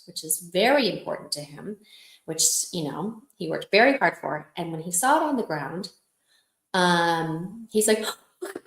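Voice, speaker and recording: A woman's voice: lowish voice, creaky. Encouraging woman hosting in an echoey room. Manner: affectionate, encouraging, personal storytelling. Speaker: host of a lupus support livestream. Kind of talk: casual livestream talk.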